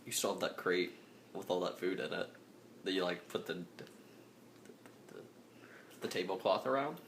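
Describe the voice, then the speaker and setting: A man narrating as game master of a tabletop game, animated and giggly, with many filler words. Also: low-pitched, moderate pace, vocal fry, a little hiss or hum.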